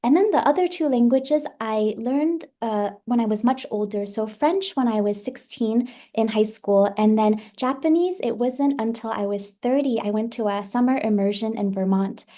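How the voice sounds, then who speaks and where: A woman's voice: a little high, normal speed, hardly any pauses, dark tone. A middle-aged woman from the Washington D.C. area, a literacy specialist answering interview questions in a gracious, articulate way. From United States, Washington D.C. area.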